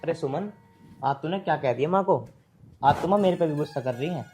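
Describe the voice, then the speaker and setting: A man's voice: on the high side, a little fast, mellow, soft background music, natural voice. A man playing a torn young husband. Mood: insistent. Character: young husband caught between wife and mother. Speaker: husband and son. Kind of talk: rural comedy drama acting.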